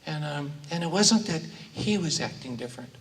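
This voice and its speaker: A man from Oakland speaking informally to a gathered audience, thanking guests, with many pauses and fillers. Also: on the high side, expressive, fairly bright tone. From Oakland, California. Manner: halting, frequent pauses and fillers. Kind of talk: informal public address to an audience. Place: large hall with an audience. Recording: echoey hall, distant voice, clear room noise.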